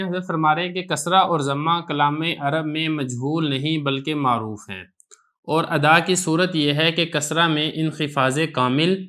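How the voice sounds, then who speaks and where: A man's voice: on the high side, a bit bright. A man teaching a Quran recitation lesson, patiently repeating each point and demonstrating example words aloud. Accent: Pakistani Urdu. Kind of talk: tajweed lesson explaining a text.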